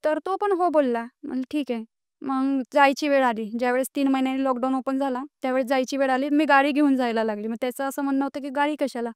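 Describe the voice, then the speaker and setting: A woman's voice: sits high, steady tone, fast talker, no echo, studio quality. A young woman, telling her life story as a podcast guest, earnest and rising with indignation. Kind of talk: emotional personal storytelling.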